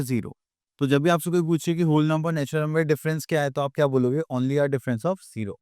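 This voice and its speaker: A man's voice: a little high, a little mellow, clear, resonant tone, no echo, clean studio sound. A man teaching a math lesson to students, mixing Hindi and English, asking questions and answering them himself. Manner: slows down to read textbook lines aloud.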